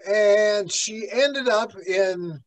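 A man with a high voice teaches a church class at an unhurried pace. He talks like a pastor leading a Bible study, conversational and meandering, full of fillers and side stories. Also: poor audio. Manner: slow, rambling, with many fillers and asides.

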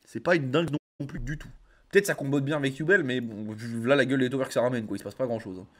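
A man's voice: medium pitch, quick pace, a bit bright. Young man, casual card reviewer; reads the text, then slangy offhand reactions. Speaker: card game content creator.

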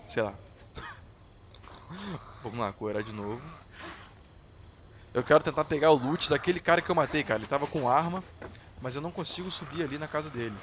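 Excitable Brazilian gamer, noisy background. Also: male voice, medium pitch. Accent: Brazilian Portuguese. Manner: excitable, swears freely, talks to viewers. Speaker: gaming channel host. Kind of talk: casual gameplay commentary.

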